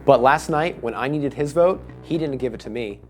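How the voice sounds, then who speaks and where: A man's voice: mid-range voice, moderate pace, soft background music. A man contestant explaining his vote in a firm, matter-of-fact confessional. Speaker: reality game contestant.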